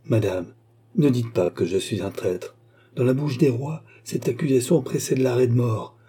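A man's voice: mid-range voice, normal speed, dark tone, husky, lightly acted. A man voicing a despairing young nobleman who murmurs and pleads in a faltering voice.

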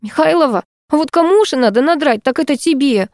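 A woman's voice: sits high, normal speed, a little mellow, no room sound, studio quality, pitched above the performer's own voice, close to an everyday voice. A woman reading an audiobook, voicing a young woman friend who sobs and scolds at once. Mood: scolding. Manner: scolding, sobbing. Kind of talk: audiobook character voice.

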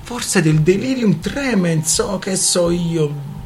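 A man doing a mocking, sharp-tongued joker. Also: high voice, lively intonation, slow pace, soft background music, voice pushed up. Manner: sarcastic, mocking.

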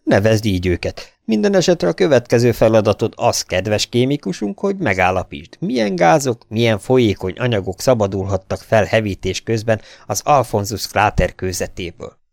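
A man reading the part of a calm, commanding spaceship captain in an audiobook. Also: lowish voice, vocal fry, few pauses, dry recording, studio quality.

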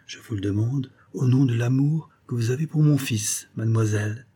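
A man reading an audiobook, voicing a smooth-talking older viscount with falsely affectionate manners. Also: medium pitch, normal speed, dark tone, close to an everyday voice. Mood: honeyed.

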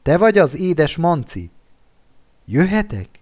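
A man's voice: fairly high pitch, big pitch swings, a little mellow, voice pushed up. A man putting on a gushing lovesick salon hostess. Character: lovesick middle-aged woman, salon hostess, emotional.

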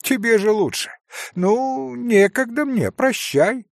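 A man voicing a cocky, sharp-tongued schoolboy who talks in a brisk, lecturing way. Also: very high voice, lively intonation, vocal fry, dry recording, studio quality, pitched above the performer's own voice, exaggerated voice. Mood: dismissive.

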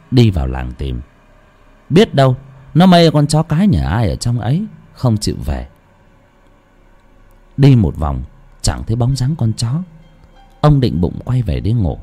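A man's voice: medium pitch, dark tone, husky. A man narrating a horror story dramatically.

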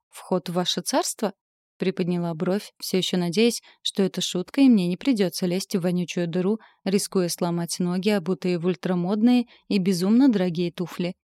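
A woman narrating an audiobook in a lively, wry first-person storytelling manner. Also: lowish voice, dry recording, studio quality.

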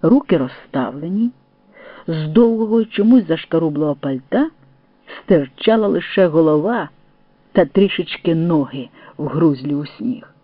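A man narrating a first-person story in a steady, measured reading voice. His voice sits somewhat high. The sound is thin and phone-like, and completely dry. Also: dry recording. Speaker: audiobook narrator. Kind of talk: scripted narration.

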